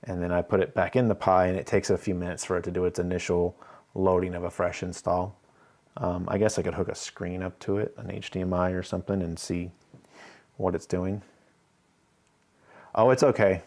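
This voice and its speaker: A low, darkish voice with little pitch movement comes briskly from a man hosting a relaxed live stream. He thinks aloud while working and talks comfortably with his viewers.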